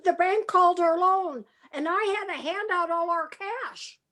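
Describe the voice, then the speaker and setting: A woman's voice: very high-pitched, measured pace, sharp tone, heavily acted. A woman voicing a flustered, frightened uncle with woeful, fretful delivery in an amateur radio play. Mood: panicked. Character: flustered, frightened bank worker named Uncle Billy.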